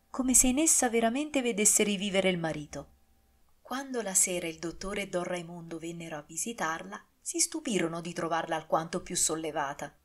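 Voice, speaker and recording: A woman narrates an audiobook in a calm, steady voice. She reads at an even pace with clear phrasing and closes by speaking to her listeners. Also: fairly low pitch.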